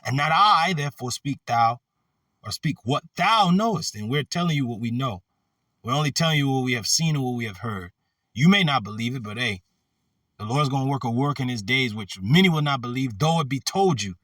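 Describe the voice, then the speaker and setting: Bright-voiced fiery man preaching. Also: medium pitch, expressive, a little fast, no echo, clean studio sound, distant mic. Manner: fiery, slangy, shouts "woo" between verses. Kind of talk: casual online sermon with scripture reading.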